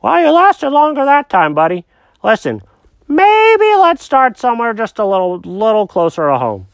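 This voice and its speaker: A storyteller voicing an easygoing, friendly male dog who calmly reassures his friend. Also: mid-range voice, normal speed, no echo, voice pushed up. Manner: calm, reassuring, calls the other buddy. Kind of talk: storytelling with character voices.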